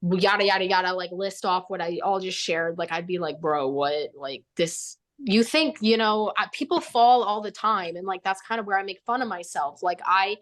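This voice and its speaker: A woman's voice: mid-range voice, normal speed, hardly any pauses, fairly bright tone. Young woman, rambling candid talk. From United States. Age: 20s. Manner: rambling, filler-heavy, self-mocking. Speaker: guest, Paralympic swimmer. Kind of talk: candid casual interview talk.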